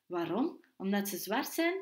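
A woman's voice: mid-range voice, very animated, a little slow. A woman voicing a scornful, sarcastic teenage girl in a storybook reading. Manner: snapping, sarcastic. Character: scornful teenage girl, sharp-tongued and mocking.

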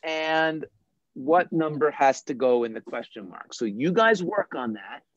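A math teacher speaking slowly and patiently to young children, with pitch that rises and falls a lot to keep them engaged. The voice comes over a dry, dull video call, with almost no room sound. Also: animated, no echo. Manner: slow, patient, deliberate explaining.

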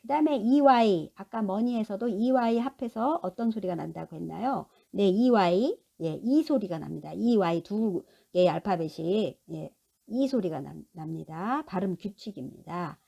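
A woman teaching a basic English lesson to grown-up learners, with a gravelly edge of vocal fry in her voice. Her tone is dark and relaxed. She goes patiently, sounding out letters one at a time and answering her own questions. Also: medium pitch, moderate pace. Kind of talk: recorded English lesson for adult literacy learners.

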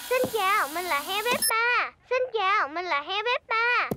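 A performer voicing a cheerful, bossy little girl pig in a children's cartoon dub, childlike and excitable. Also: extremely high pitch, a little slow, heavy background noise. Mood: gleeful.

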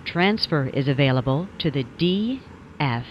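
A woman's pre-recorded transit announcement, with separate words spliced together into a slow, measured, clipped delivery over a train loudspeaker. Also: sits low, lively intonation, highs cut off, slight background noise. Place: subway train car.

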